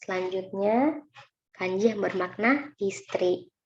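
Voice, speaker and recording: A woman's voice: medium pitch, takes it slowly. Indonesian woman teaching kanji, roomy sound. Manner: patient, chatty, often addresses students as minasan. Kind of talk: recorded online lesson explaining kanji. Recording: roomy, dull lo-fi recording with faint noise.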